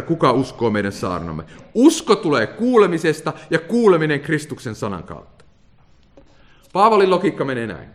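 Animated Finnish-speaking male preacher. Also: medium pitch. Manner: animated preaching, rhetorical questions, occasional laughs. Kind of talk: sermon.

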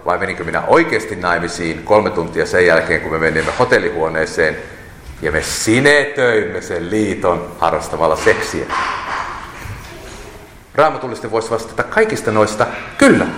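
A man's voice: sits low, bright, forceful tone, a little hiss or hum. Male preacher, emphatic sermon delivery, long church reverb. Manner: emphatic, lists points and quotes scripture. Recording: echoey hall with long reverb.

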